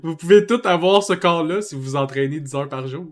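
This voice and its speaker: Québécois male podcast host, casual, jokey, slightly high voice. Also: fairly quick. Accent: Quebec French. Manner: laughs often, relaxed joking.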